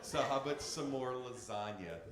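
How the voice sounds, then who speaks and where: A man's voice: mid-range voice, normal speed. Brash profane stand-up comic man. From United States. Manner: brash, profane, deadpan punchlines. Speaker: stand-up comedian. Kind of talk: stand-up comedy set. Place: comedy club stage with live audience. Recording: roomy club with crowd laughter. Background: audience laughing.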